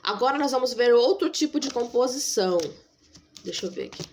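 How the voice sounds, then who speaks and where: A woman's voice: fairly high pitch, lively intonation, darkish tone, a little hiss or hum. Patient woman teacher explaining grammar. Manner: patient, repeats key points with frequent "tá?" check-ins; stretches out example words slowly for emphasis. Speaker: school teacher. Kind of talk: recorded online grammar lesson.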